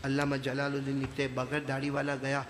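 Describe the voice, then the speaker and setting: Recorded in a large hall with background noise, a man with a medium-pitched voice delivers a passionate sermon. He alternates loud chanting with calm speech and urges the gathering to respond.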